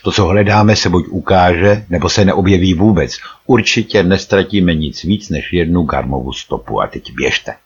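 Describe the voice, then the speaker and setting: A man's voice: deep voice, hardly any pauses, highs cut off, a little hiss or hum. A man voicing an impatient, commanding male leader in an audiobook.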